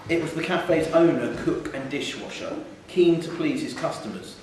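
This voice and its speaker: A man with a fairly high voice reads a literary short story aloud at normal speed during a live event in an indoor theatre. The microphone sits far from him, so the recording is very echoey with faint noise.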